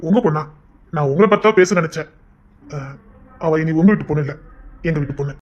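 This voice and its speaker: A man's voice: on the high side, fast, a little hiss or hum, natural voice. A man voicing a domineering young man from a gangster family who insists on marrying a girl. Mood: insistent. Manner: commanding, insistent. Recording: dull lo-fi audio.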